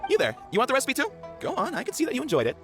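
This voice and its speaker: A man's voice: very high voice, huge pitch swings, very fast, a bit bright, soft background music, heavily acted. A man voicing a jovial, generous food stall cook in a video game, breezy and friendly.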